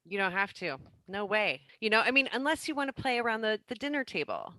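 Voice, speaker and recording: A woman's voice: mid-range voice, sing-song, brisk, pushed and bright, low-quality recording. A woman improv performer chatting as a guest, laughing often and cheering the other on. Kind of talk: casual chat.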